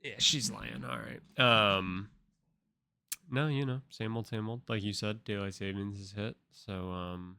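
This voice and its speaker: Tired, low-voiced male podcast co-host. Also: steady tone, a little slow, vocal fry, bright, forceful tone, smooth. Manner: joking, trails off and restarts often. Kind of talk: casual chat.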